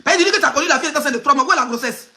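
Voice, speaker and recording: An online gossip blogger from Côte d'Ivoire with an Ivorian French accent does live gossip commentary, mocking and emphatic, addressing the person she criticizes directly. Her voice sits high, animated and rapid-fire with a sharp tone.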